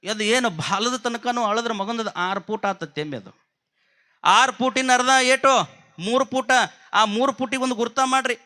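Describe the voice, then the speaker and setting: Male preacher, North Karnataka accent, high, bright, folksy storytelling sermon. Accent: North Karnataka Kannada. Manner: lively folksy storytelling, asks the audience questions.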